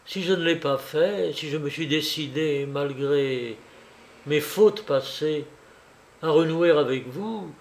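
A man's voice: a little high, slow pace. A male reader voicing an agitated young society woman who pleads and reproaches urgently, in a spoken novel reading. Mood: pleading.

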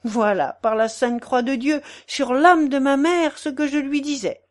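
A woman voicing a gossipy, meddling middle-aged concierge in a storybook reading, with a shrill, wheedling, theatrical manner. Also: unhurried. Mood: wounded indignation.

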